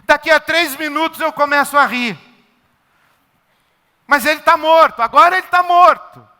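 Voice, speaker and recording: A man's voice: very high-pitched, normal speed, bright, forceful tone, long reverb tail, voice pushed up, full character voice. A man voicing a grieving Jesus at a friend's tomb who insists firmly that he must weep now. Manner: emphatic, insistent.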